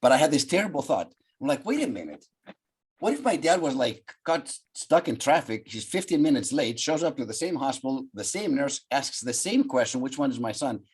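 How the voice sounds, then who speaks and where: An older man from Greece, a psychologist guest telling a story on a video call from his home office, in an animated, gesturing way. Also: mid-range voice, brisk, husky. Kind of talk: storytelling interview.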